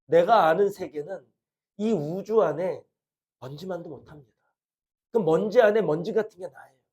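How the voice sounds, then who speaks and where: A man's voice: sits high, moderate pace, a little mellow, muffled recording. A middle-aged male pastor preaching a sermon, earnestly asking the congregation questions.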